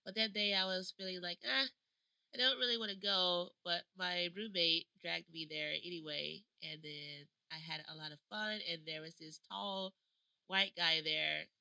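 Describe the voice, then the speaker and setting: A young woman co-hosting a podcast, telling stories in a giggly, animated way. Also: lowish voice, moderate pace, creaky, clear, resonant tone, no room sound, rough recording. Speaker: podcast co-host. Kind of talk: casual chat. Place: South Korea.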